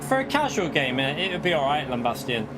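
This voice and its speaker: A man's voice: on the high side, big pitch swings, a little fast, background noise. A British man in his forties who streams a racing game, chatting casually and bantering with laughter. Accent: British English. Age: 40s. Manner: jokey, laughs often, banters with his partner. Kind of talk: casual live-stream chat.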